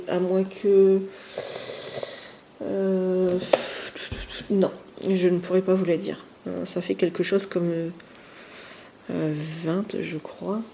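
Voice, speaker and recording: A woman's voice: lowish voice, steady tone, slow, creaky, pauses often, background noise. A woman talking casually through a scrapbooking show-and-tell, hesitant with many fillers and restarts, sometimes dropping to near whispers. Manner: soft-spoken, drops to near whispers. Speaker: scrapbooking YouTuber.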